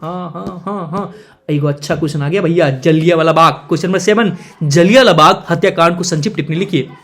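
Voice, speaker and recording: A man's voice: on the high side, fast talker, fairly bright tone. A young man teaching an exam revision lesson, casual and jokey, calling his students beta and bhaiya.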